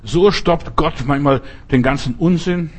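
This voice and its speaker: A man's voice: fairly high pitch, measured pace. A man preaching an informal sermon who talks bluntly and straight to the listener, often repeating his phrases.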